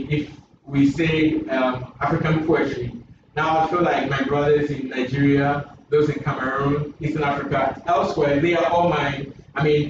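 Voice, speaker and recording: Ghanaian man, thoughtful, in an echoey room. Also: a little high. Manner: thoughtful, measured, with restarts. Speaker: poet on a panel. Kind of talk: reflective panel discussion. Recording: distant mic in an echoey room, muffled, noisy.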